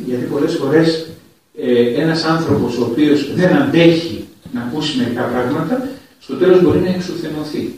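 A man's voice: fairly high pitch, a little mellow. A man preaching a conversational sermon with wry humor, sometimes acting out the people he quotes. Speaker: priest. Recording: echoey room from a distance.

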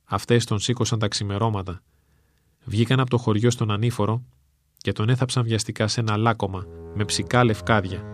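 Low-voiced man reading a story. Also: fairly even intonation. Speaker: narrator. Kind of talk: scripted storybook narration.

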